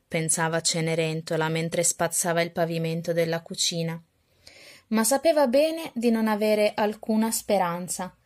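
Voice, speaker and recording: Brief: woman storyteller, children's read-aloud, expressive and even. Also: medium pitch. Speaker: storyteller for a children's dance class.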